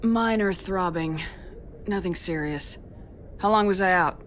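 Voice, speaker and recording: A woman's voice: lowish voice, a little slow, slight background noise, close to an everyday voice. An actress playing a resolute female military commander in a sci-fi game, controlled and businesslike. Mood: subdued, composed. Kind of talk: cinematic sci-fi video game acting.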